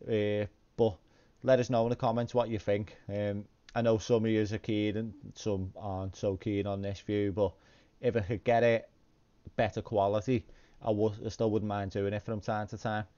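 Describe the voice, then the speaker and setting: A man's voice: on the low side, little pitch movement, normal speed, dark tone, lo-fi sound. A man hosting a sim racing video, talking casually to viewers in an informal, somewhat hesitant way at home. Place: indoor home sim rig.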